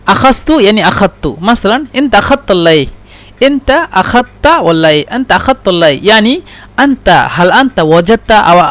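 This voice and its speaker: Male language teacher, high voice, drills phrases over and over. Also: a bit bright. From Bangladesh. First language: Bengali. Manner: repeats example phrases slowly, halting explanations. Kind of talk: explaining Arabic dialect lesson.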